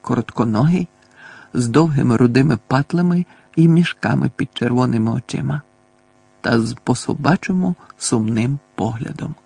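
A man narrates a fantasy audiobook with a gravelly, slightly husky voice at a middling pitch. His delivery is steady storytelling, recorded dry and close. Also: normal speed, no echo, low-quality recording.

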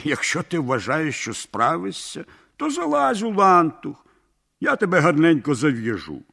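A man voicing a cunning peasant trickster who mocks and boasts calmly. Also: a little high, unhurried, vocal fry, breathy edge, heavily acted. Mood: mocking.

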